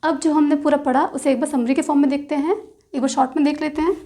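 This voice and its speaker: A woman with a high voice teaches a shorthand lesson. She talks through each rule and slows right down to spell out the example words letter by letter. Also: steady tone, warm tone. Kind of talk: explaining lesson.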